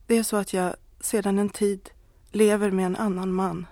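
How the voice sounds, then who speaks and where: A woman's voice: mid-range voice, level tone, warm tone, no room sound, close to an everyday voice. A woman voicing a married woman who confesses a love affair, earnest and pleading, close to tears. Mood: confessing.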